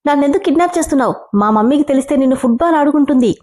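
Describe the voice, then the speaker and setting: A woman voicing a defiant, cheeky little boy in a storybook reading, shrill and indignant. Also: very fast, a little mellow, close to an everyday voice.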